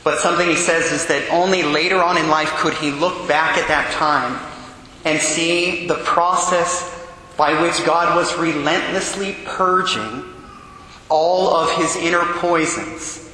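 A man, a priest, reads the gospel and preaches a sermon in a large church, in a measured, solemn way, and his voice rings with cathedral echo. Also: a little high, bright, forceful tone. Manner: measured, solemn reading that turns earnest and quick in the homily. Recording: cathedral echo with long reverb, faint hum.

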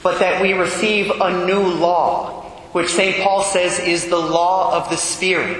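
A priest reading the Gospel and preaching a homily in a measured way, with rhetorical questions, his voice in a cathedral echo inside a large church. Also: level tone, a bit bright. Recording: booming long reverb in a large church.

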